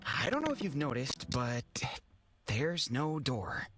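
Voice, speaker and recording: A woman voicing a timid, hesitant young male companion in a video game, husky. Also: rumbling low, sing-song, slow, a bit bright, heavily acted. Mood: hesitant, resigned. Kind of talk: video game character read aloud.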